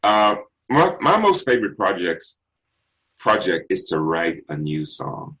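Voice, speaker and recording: The voice belongs to a middle-aged Texan singer, a bass baritone, who is a guest answering interview questions. He's very animated and a bit bright in tone, yet his replies are unhurried and reflective, peppered with ums and restarts, and the audio quality is poor.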